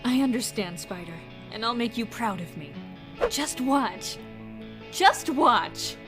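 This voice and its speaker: A woman's voice: a little high, lively intonation, slow pace, music in the background. A woman voicing a seductive, willful and playful masked cat burglar with a sultry, theatrical delivery in a comic dub. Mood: playful, thrilled.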